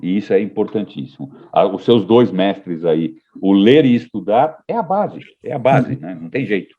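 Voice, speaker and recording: A man talking on a podcast in a low, husky voice that swings widely in pitch. He thinks aloud, hesitating and restarting his sentences. The recording sounds dull and lo-fi. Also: animated, normal speed. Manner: reflective, hesitant with repeated restarts. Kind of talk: casual podcast conversation.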